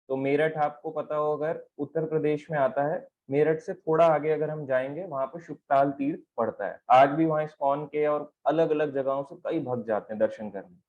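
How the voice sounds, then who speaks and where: A man's voice: a little high, a little mellow, lo-fi sound. A man giving a devotional talk on scripture, explaining step by step and asking questions that he then answers himself. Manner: explanatory, asks and answers his own questions. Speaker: spiritual teacher. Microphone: mic on a stand.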